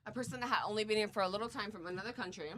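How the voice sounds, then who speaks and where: A woman's voice: medium pitch, rapid-fire, a bit bright. A woman in her thirties talking bluntly and at length in a casual podcast chat, swearing freely. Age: 30s.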